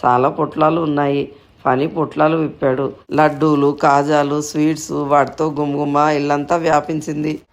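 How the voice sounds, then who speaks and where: A man reading a short story aloud in steady, scripted narration. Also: a little high, moderate pace.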